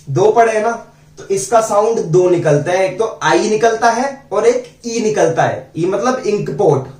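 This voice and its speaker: Male teacher, high voice, far from the mic in an echoey room, patient phonics drills. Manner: slow, repeats sounds and asks students questions. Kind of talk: phonics lesson.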